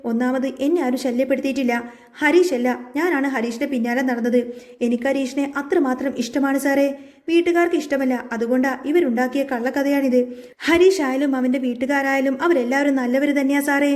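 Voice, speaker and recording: A woman's voice: high voice, brisk, close to an everyday voice. A woman reading the part of a bold young woman who speaks out steadily against her family in a storybook retelling. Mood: outspoken. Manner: steady and outspoken.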